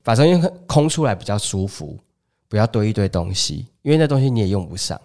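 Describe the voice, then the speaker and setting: A Taiwanese Mandarin-accented man co-hosts a podcast, chatting casually and telling family stories in which he acts out the dialogue. His voice is lowish and a little mellow, with a sing-song lilt and a fairly quick pace.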